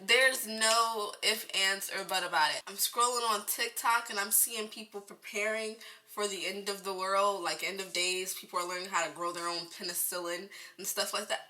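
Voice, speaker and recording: A woman's voice: medium pitch, steady tone, normal speed, few pauses, sharp tone, low-quality recording. A young woman vlogging a comedic monologue to camera, dramatic and exaggerated, with laughing asides.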